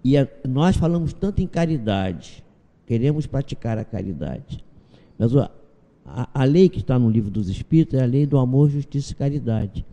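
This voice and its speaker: A Brazilian man talks as a guest in a calm spiritual interview. His voice is very dark and gravelly. He tells stories and acts out their dialogue, with a long reverb trailing behind him. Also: medium pitch, normal speed. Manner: storytelling, acts out dialogue from anecdotes.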